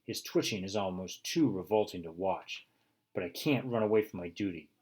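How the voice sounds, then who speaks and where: A man narrating a children's storybook in first person, expressive with bursts of excitement. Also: low-pitched, normal speed, husky. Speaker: audiobook reader.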